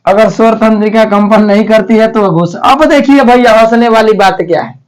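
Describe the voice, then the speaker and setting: A man's voice: high voice, moderate pace, clean tone, poor audio. A man teaching a grammar lesson for exam prep in a chatty, repetitive way, asking and answering his own questions. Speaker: Hindi teacher.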